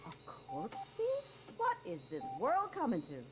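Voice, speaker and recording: A woman's voice: a little high, huge pitch swings, measured pace, loud music behind the voice. An actress playing a fretful, incredulous female hospital worker in a video game. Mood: alarmed, incredulous.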